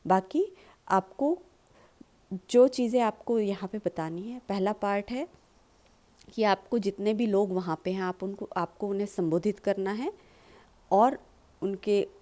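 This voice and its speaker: A woman with an Indian accent, explaining in a tutorial lesson and slowly stressing sample lines. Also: mid-range voice, warm tone. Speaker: public speaking teacher.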